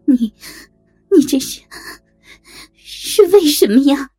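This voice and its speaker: A woman's voice: fairly high pitch, animated, measured pace, dark tone, husky, faint music behind, full character voice. A woman voicing an anguished middle-aged mother who wails and laments. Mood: anxious. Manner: wailing, lamenting.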